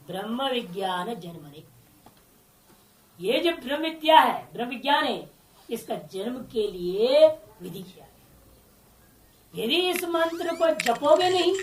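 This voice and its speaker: A woman teaching a Sanskrit scripture commentary, reciting terms slowly and then explaining them with questions she answers herself. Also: sits high, a little hiss or hum. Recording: echoey, mic far off.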